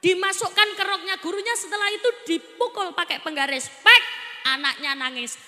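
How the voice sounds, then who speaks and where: A woman delivers a lively sermon, bantering and joking with her listeners. Her voice is high and bright. The sound rings with the long echo of a big hall. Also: a little fast. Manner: playful, teasing the crowd, acting out a crying child. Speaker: preacher. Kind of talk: lively sermon to a live audience.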